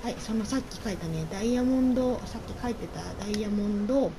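A woman's voice: mid-range voice, fast talker, background noise. A woman doing casual solo game commentary as host, politely and half talking to herself. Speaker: gaming video host.

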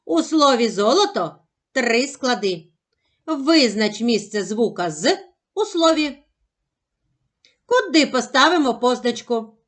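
Woman, teacher, phonics lesson for children, slow over-articulated syllables, high and animated.

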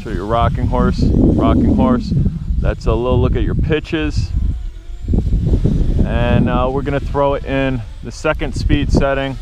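A man's voice: mid-range voice, steady tone, a little slow. Guy talking thru a drone flight out in a windy field, mid voice, lots of wind roar. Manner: rambling, talks while flying. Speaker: drone reviewer. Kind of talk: casual flight review narration. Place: open grassy field outdoors. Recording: loud wind noise outdoors. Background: loud wind and outdoor noise.

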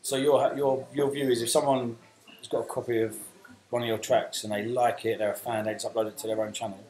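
A man's voice: medium pitch, level tone, a little fast, a little mellow, reverberant, low-quality recording. A man with a South London accent hosting a casual live Q&A, chatting and reading out viewer comments. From England. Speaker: host.

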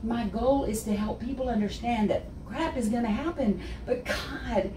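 A guest speaker from Texas, a woman in her sixties with a heavy accent, speaks at normal speed in a fairly high voice as she shares her faith story. Animated, she gestures constantly and laughs often on a wood-panelled office set with armchairs, and the recording is roomy, distant and faintly hissy.

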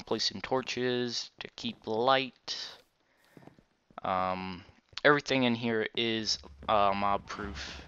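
A man with a low, clean voice gives casual Let's Play commentary with a retainer in his mouth. He rambles slowly and corrects himself as he goes. The recording is slightly dull and lo-fi. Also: fairly bright tone, slight background noise. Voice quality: slight retainer-affected speech. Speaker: gaming video host. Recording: dull, lo-fi microphone.

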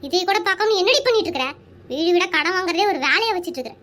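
Woman voicing a shrill scolding village wife. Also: expressive, fairly bright tone. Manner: shrill, nagging, quick to scold. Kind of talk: animated cartoon dialogue.

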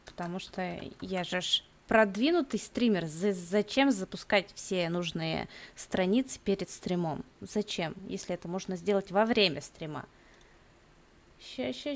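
A young adult woman giving casual, playful live gaming commentary, half talking to herself and repeating words. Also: medium pitch. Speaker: game streamer. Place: indoor room at a computer.

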